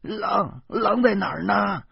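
A man voicing a frantic older mother who cries out in a high, alarmed voice, on a dull lo-fi recording. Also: takes it slowly, creaky, breathy edge, no echo, full character voice. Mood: panicked.

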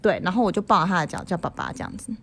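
Animated Taiwanese-raised woman telling ghost stories. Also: on the low side, very fast, creaky. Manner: animated storyteller acting out quoted voices, laughs often. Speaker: podcast co-host.

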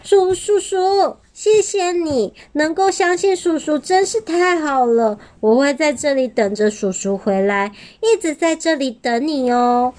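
Lady putting on a tiny dinosaur kid, high and stammery, storybook voice. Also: lively intonation, unhurried, few pauses, a little mellow. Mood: pleading. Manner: pleading, stammering. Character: small gentle young dinosaur child.

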